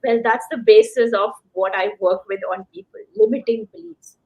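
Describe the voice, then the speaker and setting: A career coach, appearing as an interview guest, gives emphatic, conversational motivational advice. Her voice is fairly high and expressive at normal speed, coming through slightly dull lo-fi call audio.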